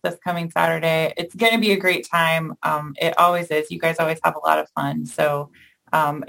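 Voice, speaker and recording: Lively co-host woman, gravelly edge. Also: on the low side. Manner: lively, laughs often. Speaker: radio co-host. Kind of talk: casual radio talk.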